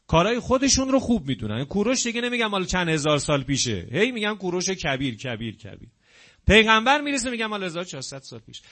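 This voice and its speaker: A man's voice: high-pitched, sharp tone. Fervent preacher, man. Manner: emphatic, preaching to listeners, quotes Arabic verses. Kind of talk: sermon.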